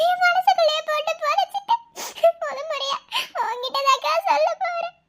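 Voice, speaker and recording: A woman's voice: very high voice, brisk, a bit bright. A woman voicing Ananya, a heartbroken young woman in a cartoon love story who speaks while crying and laughing through tears. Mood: tearful confiding.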